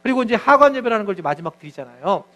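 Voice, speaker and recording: A man's voice: high voice, very fast. A male pastor giving a sermon, telling stories animatedly and acting out what people said. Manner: animated storytelling, acts out quotes.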